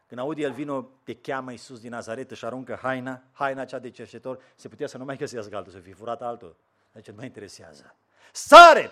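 Man preaching in big loud swings. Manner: swings from low muttering to loud preaching and acted quotes. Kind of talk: sermon.

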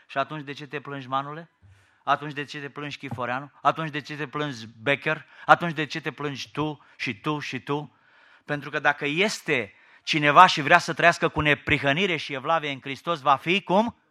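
Man, Romanian accent, sermon, mocking rhetorical questions, piercing forceful tone. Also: on the high side. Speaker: preacher.

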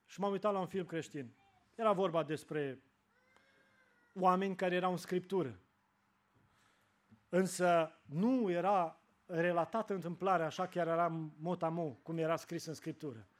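A man's voice: sits high, long pauses. A man preaching a sermon to his congregation, earnest, acting out short dialogues in changed voices.

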